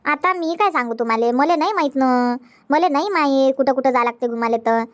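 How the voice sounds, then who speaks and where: A woman speaks in a natural, high-pitched voice at a slightly fast pace, voicing a newlywed wife in a Marathi comedy cartoon dub. The chatty character pleads and nags, repeating herself and rushing, with no room sound in the recording.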